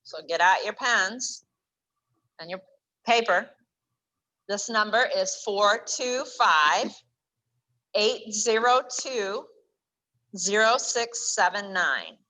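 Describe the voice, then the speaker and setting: A woman with a bright, forceful voice runs the announcements at a club meeting. She is chatty and reads numbers out slowly. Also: mid-range voice, low-quality recording. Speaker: meeting organizer.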